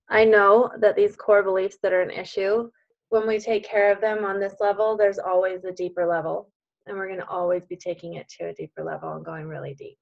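Earnest woman coaching over a dull call. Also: mid-range voice. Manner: earnest, emphatic, encouraging. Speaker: coach leading a group class. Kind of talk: coaching talk to an online group. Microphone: video call.

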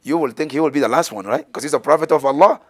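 Speaking fast in a slightly high voice, this middle-aged teacher recounts a religious story, gesturing and voicing each of its people. The clip comes from a lapel mic in a small indoor studio decorated with banners.

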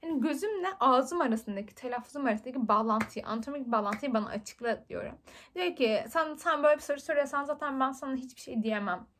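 A woman in her twenties chatting very fast and excitably while unboxing books for her vlog. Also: sits high, slight background noise. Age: 20s. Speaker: book vlogger. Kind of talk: casual unboxing chat.

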